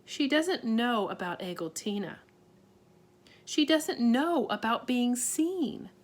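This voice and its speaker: A woman's voice: a little high, big pitch swings, slow pace, full character voice. A woman reading aloud and voicing a tiny, anxious borrower housewife who frets, exclaims and pleads. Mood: fretful. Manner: fretful, exclaiming, tearful pleading. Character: tiny borrower housewife, middle-aged, anxious, easily alarmed.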